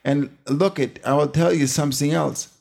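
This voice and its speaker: A man's voice: on the high side, fairly even intonation, normal speed, gravelly, a little mellow, voice pushed up. A man putting on the voice of a fussy older woman from a TV ad, in a sing-song, fussy way. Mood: mock-fussy.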